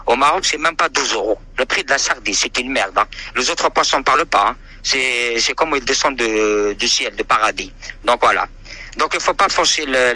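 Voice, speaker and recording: A man's voice: fairly high pitch, sharp tone. A man from Algeria with an Algerian accent, arguing insistently in a heated online debate and leaning on repeated filler phrases. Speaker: speaker in an online audio debate.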